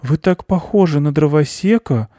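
A man putting on a little boy, raised high and eager, full of surprised questions. Dry, close sound. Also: lively intonation, normal speed, warm tone, no room sound. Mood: curious.

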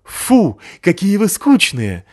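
A man voicing a loud, playful male malamute dog that shouts and barks with excitement. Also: sits high, slow pace, pitched above the performer's own voice, full character voice. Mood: excited.

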